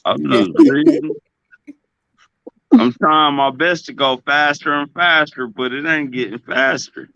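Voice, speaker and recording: A man's voice: fairly high pitch, lively intonation, a little slow, gravelly, pushed and bright, no room sound, highs cut off. An American man chatting casually in slang, often repeating his phrases. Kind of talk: casual chat.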